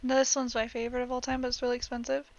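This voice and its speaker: Speaking very fast in a high voice with little pitch movement, a young woman gaming vlogger chats her way through a building game. She rambles, giggles in asides and her voice cracks now and then. Highs are cut off in the audio.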